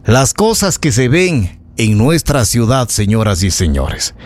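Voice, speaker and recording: Speaking in a mid-range, sing-song voice with a darkish tone, this Ecuadorian-accented man takes a measured pace. As host of a local radio news programme, he offers live opinion to his audience, indignant and forceful, with phrases repeated for emphasis.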